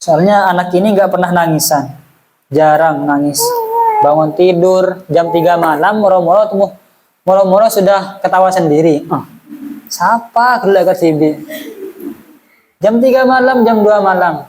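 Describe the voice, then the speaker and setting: A man's voice: high voice, normal speed, a little mellow, rough recording. A man, teaching an Islamic study class in a chatty way and asking the audience questions. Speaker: religious teacher. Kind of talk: casual Islamic study lesson.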